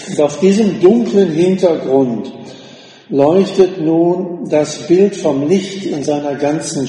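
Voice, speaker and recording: Slow gravelly preacher in an echoey hall. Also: male voice, on the high side, warm tone, slight background noise. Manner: slow, measured preaching with deliberate pauses. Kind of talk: sermon.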